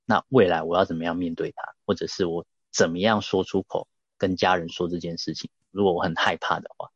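A man's voice: low voice, steady tone, a little fast, husky, no echo. A man hosting an interview, responding reflectively to his guest's points, on slightly dull audio. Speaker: host. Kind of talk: casual interview talk.

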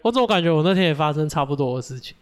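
A man's voice: on the high side, expressive, very fast, clear, resonant tone. A man co-hosting a casual podcast, teasing and chiming in as he chats. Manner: teasing, laughs along, chimes in. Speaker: podcast co-host.

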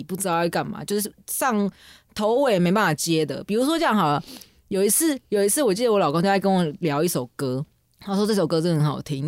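A woman's voice: on the low side, a little mellow, no echo. A woman, a podcast host chatting frankly and casually with friends in a studio. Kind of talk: casual chat. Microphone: studio mic.

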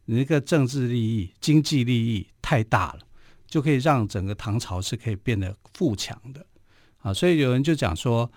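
A man's voice: medium pitch, expressive, moderate pace, a little mellow, no room sound. A man with a Taiwanese Mandarin accent hosting a radio history show, telling stories casually with many filler particles, recorded in a studio. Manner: chatty, frequent filler particles.

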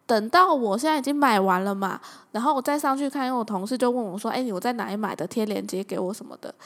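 A young woman with a Taiwanese Mandarin accent, hosting a casual chat and telling stories in a lively, chatty way. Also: a little high. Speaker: podcast host.

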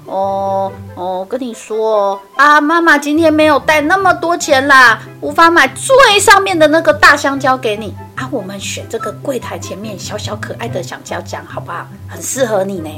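A woman's voice: high-pitched, normal speed, few pauses, pushed and bright, soft background music. A woman voicing a kindly monkey mother who fusses and chatters with many fillers. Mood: fussing.

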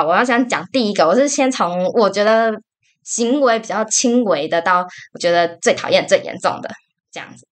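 A young woman talks with a Taiwanese Mandarin accent in a casual podcast monologue. Her voice sits at an ordinary middle pitch. She rants with animated exasperation and leans on fillers as she tells her stories. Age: young adult. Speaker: podcast co-host.

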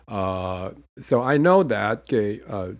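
A man's voice: lowish voice, lively intonation, slow. Man casually teaching accent sounds. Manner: mixes Mandarin and English, demonstrates sounds playfully.

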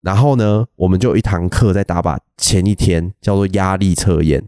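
A young man with a Taiwanese Mandarin accent, hosting a podcast and rambling through army stories in a casual, animated way. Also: low-pitched, fairly quick, clear, resonant tone, no echo, studio quality. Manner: rambling, animated, mimics shouting officers. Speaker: podcast host. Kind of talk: casual storytelling chat.

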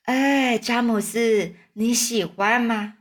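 A woman voicing a kind old male grasshopper who plays the violin, speaking gently and slowly, as in a children's storybook. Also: medium pitch. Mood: gentle. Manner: gentle, slow and patient explaining.

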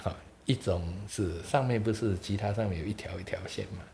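A man, a guest explaining in casual conversation, animated and laughing often. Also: fairly low pitch, a little fast, creaky, slight background noise. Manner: animated, asks rhetorical questions, laughs often.

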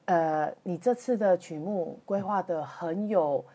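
A woman from Taiwan chatting in an interview as a guest conductor, in halting Mandarin, pausing to search for words and mixing in English words. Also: fairly low pitch, dark tone. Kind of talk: casual interview chat.

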